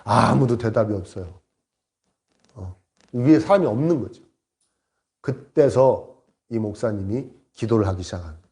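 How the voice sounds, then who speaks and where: In a church sanctuary, a pastor preaches with animated storytelling, acting out the voices of the characters. His voice is fairly low in pitch and fairly quick.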